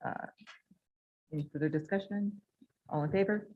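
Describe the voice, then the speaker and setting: A woman chairs a city council meeting in a slightly low voice. She runs through motions, votes and the next agenda items in a brisk, procedural way, with small fillers along the way. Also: phone-quality sound, a little hiss or hum. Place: council chamber.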